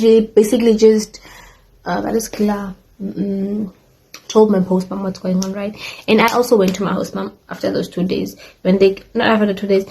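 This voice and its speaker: A woman's voice: mid-range voice, warm tone, low-quality recording. Chatty young woman telling a rambling story. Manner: chatty, rambling with many restarts and asides to viewers. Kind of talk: casual storytime chat.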